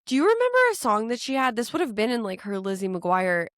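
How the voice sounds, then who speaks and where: A woman in her thirties co-hosting a podcast, excitable and swearing, often restarting as she tries to remember. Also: fairly high pitch, fast talker, no echo, clean studio sound. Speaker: podcast co-host. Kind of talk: casual chat.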